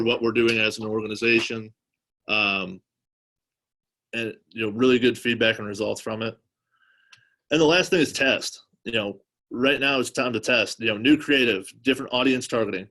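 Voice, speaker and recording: A man's voice: medium pitch, a bit bright. A man giving an informal marketing presentation in a wordy, hesitant way, often saying "you know". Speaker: guest presenter on car dealership marketing.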